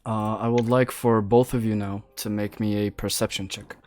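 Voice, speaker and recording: A man narrating as game master in a tabletop role-play, describing the scene slowly. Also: fairly low pitch, little pitch movement, a little mellow, slight background noise.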